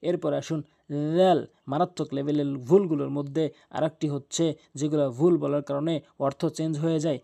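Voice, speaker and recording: A middle-aged man gives a pronunciation lesson for Quran recitation, earnest and insistent. His voice sits a little high with a gravelly, fry-tinged edge. He drags out each letter sound and repeats it several times. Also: steady tone, moderate pace, warm tone.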